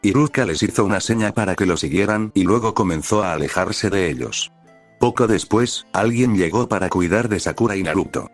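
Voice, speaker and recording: A man reading fan fiction aloud as storybook narration, at a steady, even pace. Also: low-pitched, fairly quick, soft background music.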